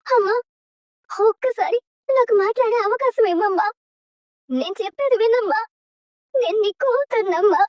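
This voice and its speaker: A young daughter, high and pleading, very dry mix. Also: female voice, animated, moderate pace, pauses often, a little mellow, no room sound, lo-fi sound. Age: young adult. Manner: pleading, tearful. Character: tearful young woman begging her family. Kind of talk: TV serial drama acting.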